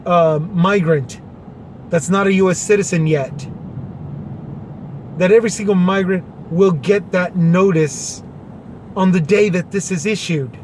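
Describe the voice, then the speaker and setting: A man's voice: sits high, unhurried, pauses often, a little mellow, a little hiss or hum. A man reading out a government order and explaining it in plain words, with a sarcastic edge. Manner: sarcastic, paraphrases in plain terms. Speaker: commentary vlogger.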